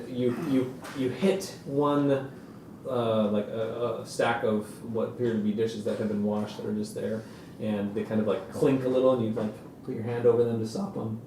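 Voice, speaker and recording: A man narrating a tabletop game as game master, describing scenes in halting, filler-heavy improvised speech. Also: mid-range voice, mellow, reverberant, distant mic, slight background noise.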